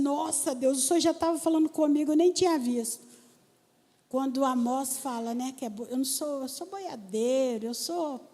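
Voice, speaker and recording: A woman pastor preaching a sermon, telling stories and talking straight to the congregation in an animated way. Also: sits high. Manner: animated storytelling preacher, talks to the congregation directly. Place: church hall. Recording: church hall with long reverb.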